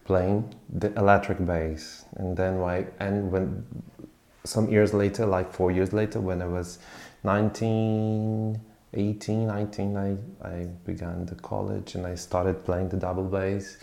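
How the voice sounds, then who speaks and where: Male musician guest, very low and mellow voice, reflective, recorded in an echoey room. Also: little pitch movement, vocal fry. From Brazil. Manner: unhurried, thoughtful, pauses with fillers. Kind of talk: interview answers, reflective storytelling.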